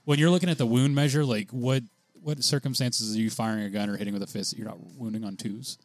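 A man's voice: medium pitch, fairly even intonation, fast, no echo, soft background music. A man co-hosting a casual gaming podcast, chatty and laughing often as he reads rules aloud. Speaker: podcast co-host.

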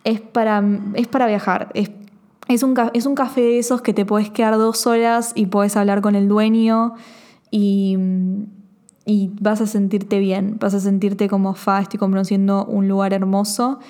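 Gushing young woman, Rioplatense Spanish accent, warm mellow tone, casual travel chat. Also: medium pitch, flat delivery, measured pace. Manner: chatty, gushing, repeats phrases. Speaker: travel vlogger.

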